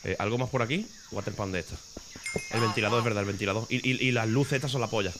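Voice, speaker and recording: A man from Spain with a Spanish accent, streaming a game in casual commentary, excitable and swearing, breaking into shouts. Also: on the low side, fast, background noise.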